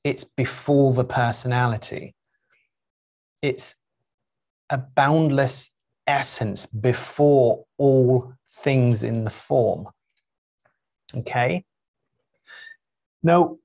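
A middle-aged man with an ordinary, mid-range voice gives a reflective talk to a group as a spiritual teacher. He moves unhurriedly, leaving pauses and frequent 'um's between his thoughts. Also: mid-range voice, vocal fry, a little mellow.

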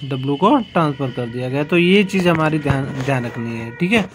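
A male teacher giving an exam-prep grammar lesson, explaining slowly and repeating himself, spelling out letter by letter. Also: medium pitch, expressive, noisy background. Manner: slow, repetitive explaining, spelling words out letter by letter.

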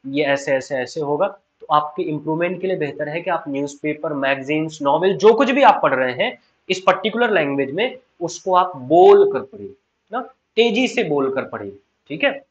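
An Indian man teaches a spoken English lesson in an earnest, encouraging tone, driving each tip home by repeating it. His voice sits a touch higher than most men's. The recording sounds slightly dull and lo-fi. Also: expressive, moderate pace. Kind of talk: online class lecture mixing Hindi and English.

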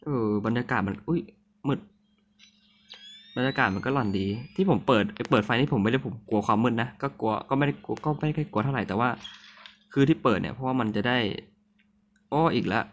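A man's voice: mid-range voice, brisk, pauses often, highs cut off, slight background noise. A man giving nervous, jumpy commentary on a horror game, sick with a voice that sounds off, and often apologizing to viewers. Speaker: gamer. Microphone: phone mic.

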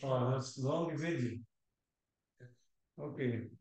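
Slow, patient man teaching in an echoey room. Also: medium pitch, darkish tone. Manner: explains patiently, mixing English and Arabic. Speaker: Arabic teacher. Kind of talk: grammar lesson.

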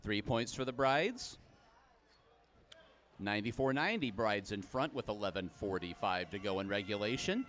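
A man calling live play-by-play, with brisk calls that jump up in pitch and loudness on big plays. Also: animated. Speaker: play-by-play commentator. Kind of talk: live sports commentary.

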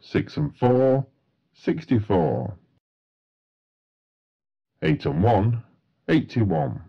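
A man calls bingo numbers in a formulaic, matter-of-fact way. His voice is husky and swings noticeably in pitch as he goes at a slow pace. The sound is a little dull and lo-fi. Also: sing-song. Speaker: bingo caller. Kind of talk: bingo calling, each number announced in a set phrase.

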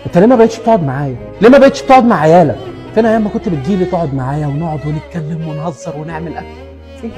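An actor doing a wisecracking Egyptian barber who fires off jokes at his customers. He has an Egyptian Arabic accent and rattles through his lines very quickly, in a slightly high voice. It is a comedy sketch, played as quick banter. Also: animated, a little mellow, soft background music, lightly acted. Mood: teasing. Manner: teasing, bantering, rapid-fire jokes at customers. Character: cheeky joking neighborhood barber, adult man.

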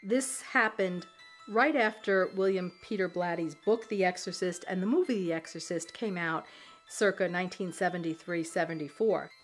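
A woman's voice: lowish voice, normal speed, soft background music. A woman interviewed for a documentary, telling the story with dramatic emphasis. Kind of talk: interview recollection.

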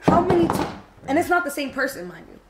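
A woman's voice: high-pitched, big pitch swings, fast, very noisy. A young woman in casual podcast chat, speaking in an emphatic, opinionated way. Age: young adult. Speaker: podcast panellist. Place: small studio set on a couch, indoors.

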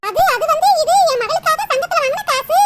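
A woman voicing a scheming older mother-in-law in a cartoon, with a Kanyakumari Tamil accent and a sharp, scolding way of talking. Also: extremely high pitch, fairly quick, heavy background noise. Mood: defiant. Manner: scolding, sharp-tongued, doting to her daughter. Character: older scheming mother-in-law who favours her daughter. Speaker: cartoon voice actor. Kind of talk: comic cartoon voice acting.

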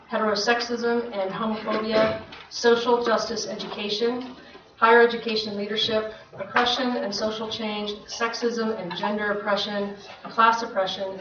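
A woman hosting an event reads out a formal speaker introduction. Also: fairly high pitch. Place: large, full seminar room. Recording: echoey, noisy, distant, slightly muffled room recording.

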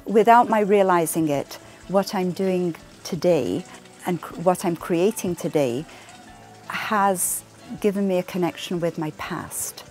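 A woman in her sixties with an English accent, a fibre artist speaking reflectively in a documentary interview, pausing often with ums. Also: on the low side. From England. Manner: reflective, soft-spoken, many ums and uhs. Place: home craft room. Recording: soft music underneath.

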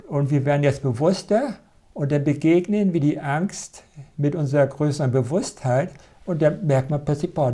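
A man giving a live spiritual talk as a meditation teacher, calm and gently reassuring, often checking in with a questioning tag. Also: a little high.

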